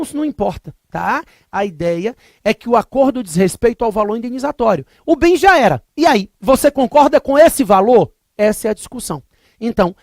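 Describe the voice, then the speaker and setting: A man's voice: sits high, darkish tone, no room sound, clean studio sound. A Brazilian man in his thirties giving a recorded law lecture, repeating key points emphatically and slipping into comic stories. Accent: Brazilian Portuguese. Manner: emphatic, repetitive, jokey digressions. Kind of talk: recorded exam-prep lecture with comic anecdotes.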